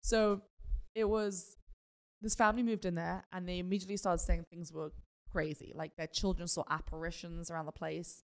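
A woman's voice: fairly low pitch, flat delivery, normal speed. A British woman co-hosting a casual podcast chat, explaining things in a chatty way with frequent restarts. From United Kingdom. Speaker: co-host.

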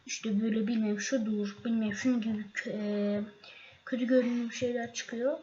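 A woman talking viewers through a software tutorial on her screen, halting often with fillers and restarts. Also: a little high, flat delivery. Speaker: tutorial host. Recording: slightly dull, faint noise.

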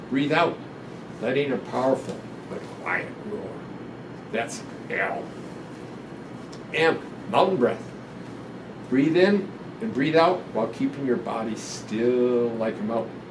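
At a children's storytime, an older guest doctor with a mid-range voice reads a picture book aloud at a slow pace, adding guided breathing instructions. His delivery stays gentle, deliberate and instructive, with pauses between phrases. The indoor room has a sequined curtain behind him, and the distant, roomy pickup carries a noticeable ventilation hum.

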